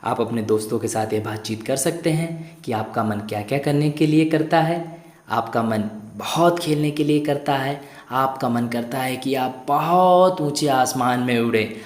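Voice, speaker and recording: A man's voice: medium pitch, reverberant. A man teaching a Hindi lesson to young children, asking questions and repeating each answer while stretching the words out.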